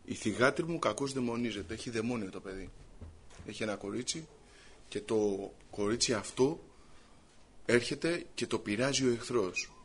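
A man's voice: medium pitch, fairly bright tone, breathy edge. A man preaching a sermon, reading scripture aloud and then explaining it to the congregation he calls brothers, in an earnest, emphatic way.

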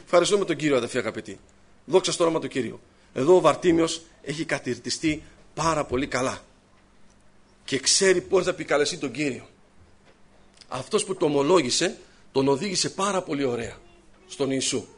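A man preaching a sermon to his congregation, mixing personal stories with scripture, his voice swinging between loud, raised bursts and low, hushed asides. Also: long pauses, slightly rough.

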